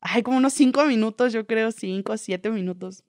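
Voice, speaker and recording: A woman's voice: on the high side, moderate pace, darkish tone, dry recording, studio quality. A young woman with a Mexican accent, a guest telling her own story in a casual, chatty way, full of slang and filler tags. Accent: Mexican Spanish.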